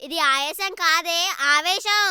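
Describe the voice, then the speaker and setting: A woman's voice: very high-pitched, a little slow, very noisy. A girl as a cheeky granddaughter with dry comebacks. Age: child. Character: cheeky schoolgirl granddaughter, calm retorts.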